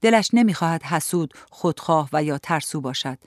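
A narrator reads a literary story for an audiobook in a measured, even way. The voice sits at a middle pitch. It is recorded close and dry. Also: no echo.

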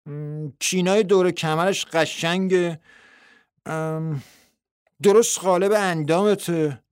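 A man voicing a blunt, defensive husband who speaks plainly and gets exasperated, pitching his voice a little higher. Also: clear, resonant tone, no room sound, studio quality, natural voice.

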